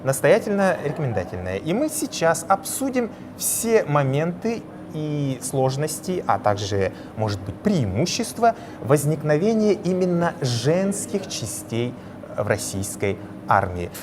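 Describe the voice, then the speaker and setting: A man moderating a TV studio discussion, speaking in hesitant, halting phrases. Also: fairly high pitch, sing-song. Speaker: TV debate moderator. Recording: clearly noisy sound.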